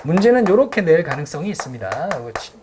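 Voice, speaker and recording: Teacher chatting thru a grammar lesson, asks lots of quick questions, voice jumps up and down, classroom. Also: mid-range voice, sing-song, background noise. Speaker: English teacher. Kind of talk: casual grammar lecture. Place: classroom with a blackboard.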